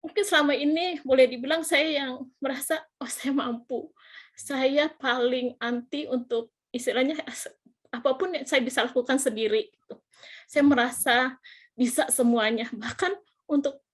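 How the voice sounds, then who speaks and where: A woman's voice: high-pitched, steady tone, moderate pace. A middle-aged woman, earnestly and gratefully telling her personal testimony in an interview. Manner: earnest, grateful, fillers of gitu. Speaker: testimony guest.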